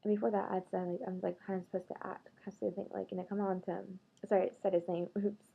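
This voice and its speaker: A woman vlogger casually telling a dating story, chatty and full of fillers, quoting others in a higher voice. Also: level tone, very fast, vocal fry, mellow, breathy edge. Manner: chatty, filler-heavy, quotes others in raised voice. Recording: tinny phone-like lo-fi audio.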